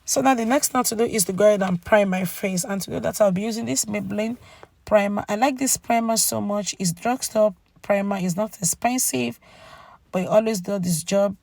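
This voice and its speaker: Female beauty vlogger, casual voice-over, cracking gravelly voice from a cold, mid pitch, talks directly to viewers. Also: brisk, a little mellow, dry recording. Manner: chatty, addresses viewers directly with tag "okay?". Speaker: beauty channel host. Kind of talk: makeup tutorial voice-over, casual narration.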